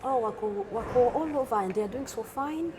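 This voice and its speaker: Her voice here is fairly high and slightly quick as this middle-aged woman from the Democratic Republic of the Congo, an interview guest, switches languages while she answers. Noticeable background noise fills the recording.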